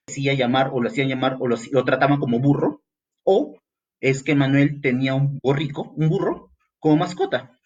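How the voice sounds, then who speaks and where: Here a man's medium-pitched voice comes through a muffled recording as he gives an entrance-exam grammar lesson in Peruvian Spanish. Lively and direct with the student, he occasionally voices the questions the student might ask.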